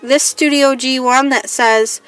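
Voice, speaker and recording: A woman with a slightly higher-pitched voice talks through a crafting haul in a casual show-and-tell way. She reads each piece aloud in a plain, listing manner, chatty and unhurried. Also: fairly even intonation, a bit bright, soft background music. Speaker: crafting vlogger.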